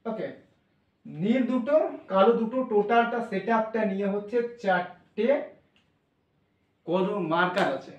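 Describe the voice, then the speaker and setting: High-voiced male teacher in roomy classroom. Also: unhurried, pauses often, highs cut off. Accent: Bengali. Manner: informal, reassuring, addresses students familiarly, thinks aloud. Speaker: maths teacher. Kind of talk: classroom lesson. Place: classroom with blackboard. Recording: roomy, voice from a distance.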